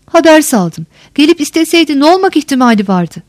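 A woman's voice: high-pitched, very animated, brisk, no room sound, studio quality, voice pushed up. A woman reading the part of a frightened young woman who answers evasively and pleads. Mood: bitter. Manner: pleading, hushed.

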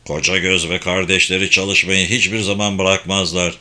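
A man reading a calm spy-agency director. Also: low-pitched, normal speed, pitched below the performer's own voice. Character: calm male intelligence director.

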